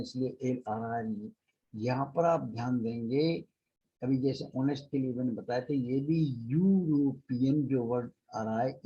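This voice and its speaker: An older Indian man with an Indian accent teaches grammar at a very slow, deliberate pace. His voice is deep, dark and mellow, with a husky edge. He repeats example sentences with drawn-out emphasis, and the recording sounds dull and lo-fi. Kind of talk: classroom lesson.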